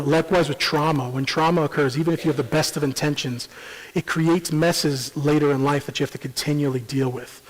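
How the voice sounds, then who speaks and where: Man teaching a seminar in a reverberant church. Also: on the high side. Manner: measured, explanatory, with frequent um and uh. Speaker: seminar presenter. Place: church sanctuary. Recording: long church hall reverb.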